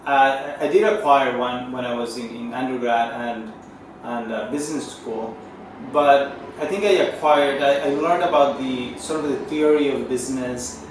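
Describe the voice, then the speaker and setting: Brief: man, 30s, from Chile, Spanish native, consultant testimonial; earnest, halting, many restarts; mic set back in a roomy, echoing space. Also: medium pitch, fairly even intonation, background noise. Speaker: management consultant. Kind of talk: testimonial interview. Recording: echoey room, distant mic, music underneath.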